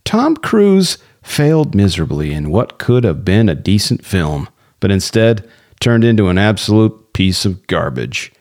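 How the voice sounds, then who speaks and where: A man's voice: fairly low pitch, very animated, unhurried, darkish tone. A young man co-hosting a podcast, chatting casually and laughing as he reads listener reviews aloud. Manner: laughs often while reading reviews aloud. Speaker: podcast co-host.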